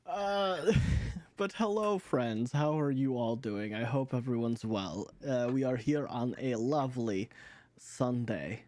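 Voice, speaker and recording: A man's voice: mid-range voice, takes it slowly, darkish tone, no room sound. A man hosting a tabletop game stream in casual chat, playful and laughing often. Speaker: player and show host.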